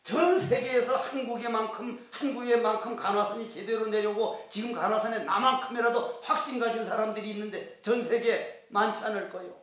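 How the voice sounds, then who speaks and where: Older male monk, high-ish voice, blunt and joking dharma lecture to a hall of monks. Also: fairly quick, few pauses, a bit bright. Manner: earthy, joking storytelling with dialect voices.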